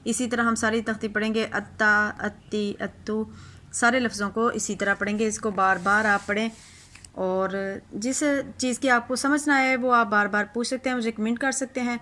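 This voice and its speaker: A woman teaching a Quran reading lesson, telling a moral story and then drilling syllables slowly and with deliberate stress. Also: fairly high pitch, fairly even intonation, sharp tone. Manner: slow, drawn-out syllable drilling. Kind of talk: religious lesson with spelled-out recitation drill.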